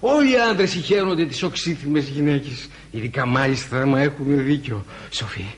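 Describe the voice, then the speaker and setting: A maudlin drunk old painter. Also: male voice, mid-range voice, expressive, husky. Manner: slurring, maudlin and wheedling. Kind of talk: radio drama acting.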